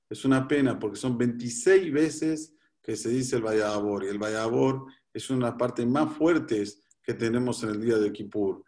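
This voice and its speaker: A man's voice: mid-range voice, a little mellow. Male rabbi teaching, patient and explanatory, repeats phrases for emphasis. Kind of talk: religious teaching in a talk.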